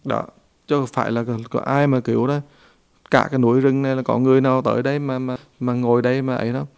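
A man voicing a brash male monkey disciple who scoffs loudly. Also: medium pitch, flat delivery, fast talker, vocal fry, smooth, natural voice. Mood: scoffing. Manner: loud, scoffing.

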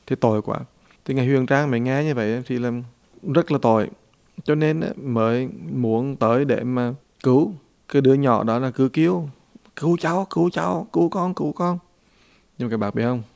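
A male Buddhist teacher gives a storytelling dharma talk, speaking folksy and directly to his listeners. His voice is gravelly. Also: mid-range voice, fairly even intonation, fairly quick, darkish tone.

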